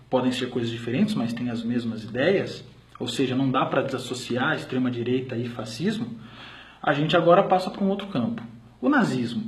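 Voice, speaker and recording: A man with a Brazilian accent presenting an explanatory video lecture, hesitating often with filler sounds and restarting phrases. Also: medium pitch. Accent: Brazilian Portuguese. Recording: roomy echo.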